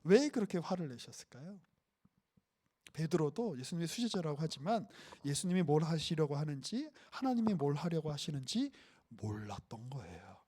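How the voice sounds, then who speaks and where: A man's voice: on the high side, moderate pace. A man preaching a casual, conversational sermon who asks the congregation questions. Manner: animated, acts out voices of Jesus and Peter, asks the congregation questions. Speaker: pastor.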